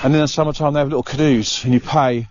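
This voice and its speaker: A middle-aged travel vlogger walks through a waterside park, chatting casually and slightly out of breath. His medium-pitched, somewhat mellow voice is fast with fairly even intonation, rambling with frequent "uh"s and restarts, captured in dull lo-fi sound with clear background noise.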